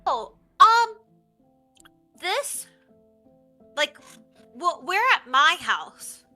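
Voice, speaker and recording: A woman's voice: high voice, sing-song, extremely slow, sharp tone, faint music behind, pitched above the performer's own voice, full character voice. A woman voicing a curious, blunt young tiefling boy in a tabletop game, with hesitant, childlike questions.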